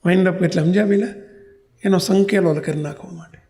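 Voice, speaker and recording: A man's voice: high voice, fairly even intonation, fast, warm tone. A man with a Gujarati accent who is a monk preacher, telling a story in a sermon and acting out the dialogue.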